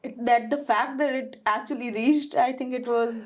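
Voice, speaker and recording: A woman interviewer asking questions and giving brief, quiet responses. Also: a little high, steady tone, moderate pace.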